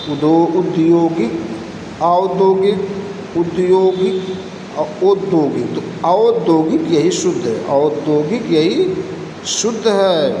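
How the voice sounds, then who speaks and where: A man teaching a spelling lesson for exam prep, slowly repeating each answer and checking in with the class. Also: high voice, background noise. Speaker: Hindi teacher. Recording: echoey room, faint ambience.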